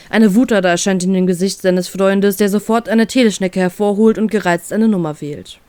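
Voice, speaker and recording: A woman reading a fan fiction story aloud in a steady, even narrating voice. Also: mid-range voice, smooth, no echo.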